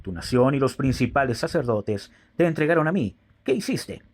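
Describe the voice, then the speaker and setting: A man's voice: medium pitch, expressive, moderate pace, a little mellow, husky. A man reading Pilate, the questioning governor. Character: questioning adult male Roman governor, Pilate.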